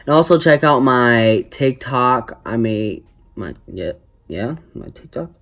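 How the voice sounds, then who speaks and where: A young man with a mid-pitched voice hosts a casual vlog. He talks slowly, in a stop-start ramble. He keeps it jokey and puts himself down as he goes. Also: lively intonation, fairly bright tone. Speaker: vlogger.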